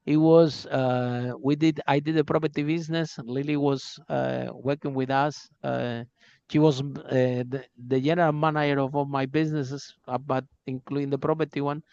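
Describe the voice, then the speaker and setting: A podcast host whose first language isn't English chats casually in an interview, eager and enthusiastic, full of fillers and restarts. His mid-range voice is gravelly and darkish with a clean tone, though the recording is muffled, and his delivery is flat at a normal speed.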